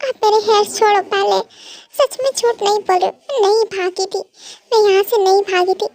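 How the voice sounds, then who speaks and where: A woman's voice: extremely high pitch, steady tone, fairly quick, darkish tone. A woman voicing a frightened young wife in an amateur fan dub, pleading tearfully and stammering. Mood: tearful protest.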